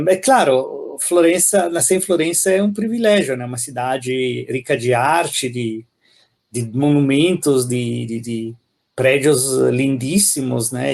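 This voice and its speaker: A man from Italy with an Italian accent, a philosophy professor explaining ideas thoughtfully in an interview, often pausing and adding "né?". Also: medium pitch, creaky, a little mellow. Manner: thoughtful, many pauses and "né?" tags.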